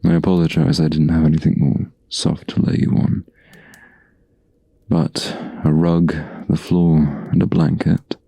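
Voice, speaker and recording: Fully in character, a man voices a kind huntsman who watches over the listener in a quiet, close-up ASMR fantasy scenario. The recording is dry, and he speaks in a low, breathy, gravelly voice with slow, old-fashioned, comforting phrasing.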